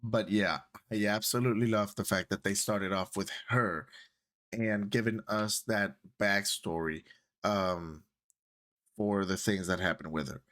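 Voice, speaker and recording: A man's voice: fairly low pitch, steady tone, a little slow, a bit bright. A man whose first language is Spanish, talking casually to camera about a film he loved, with lots of fillers and self-corrections. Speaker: vlogger. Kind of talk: casual movie talk to camera.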